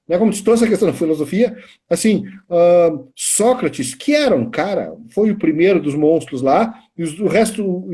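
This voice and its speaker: Husky, mellow Brazilian male teacher. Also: on the high side. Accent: Brazilian Portuguese. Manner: storytelling, rambling with restarts and "né?". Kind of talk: casual chat on a live stream.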